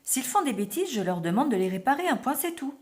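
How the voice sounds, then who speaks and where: A woman voicing a calm, firm schoolteacher in a children's story. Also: high voice, fairly quick, voice pushed up.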